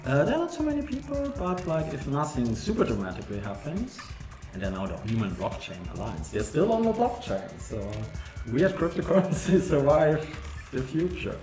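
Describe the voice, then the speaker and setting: A man with a German accent talks through a game on a livestream, his pitch rising and falling a lot as he hunts for words. His voice sounds roomy, and music plays behind him. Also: sing-song, dark tone. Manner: halting, searching for words. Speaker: game developer. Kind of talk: casual livestream chat.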